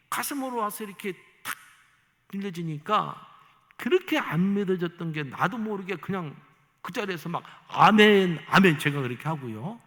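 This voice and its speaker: A middle-aged man preaches his own testimony, storytelling with lots of life and acting out what he thought back then. His voice sits a bit high for a man and moves a lot in pitch. The sound carries long reverb from the church sanctuary. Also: creaky, fairly bright tone. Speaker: pastor. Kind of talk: testimony sermon.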